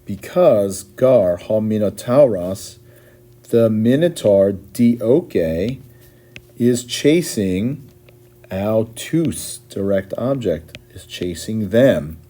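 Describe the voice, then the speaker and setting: A man with a low, very dark voice walks through a translation at an unhurried pace. He explains patiently and keeps checking in with his listeners. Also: animated. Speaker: teacher. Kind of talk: classroom explanation, translating line by line.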